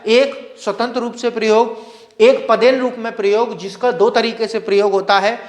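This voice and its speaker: A man teaching Hindi grammar in a video lecture, asking questions and answering them himself and slowly repeating key words. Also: very high-pitched, flat delivery. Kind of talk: classroom-style video lecture. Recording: long reverb.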